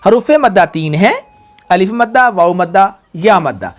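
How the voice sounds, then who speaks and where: A man's voice: high voice, animated, normal speed. A man teaching Quran reading to a child and to viewers. He drags the letter sounds out in a sing-song way and keeps checking "all right?". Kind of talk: tajweed lesson, call and repeat with a child.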